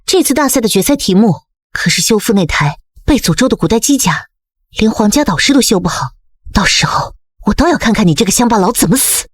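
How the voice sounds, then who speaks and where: A woman's voice: mid-range voice, expressive, a little fast, slightly rough, dry recording, studio quality. A woman voicing a proud, scheming young academy elite with a haughty, spiteful manner in a motion comic.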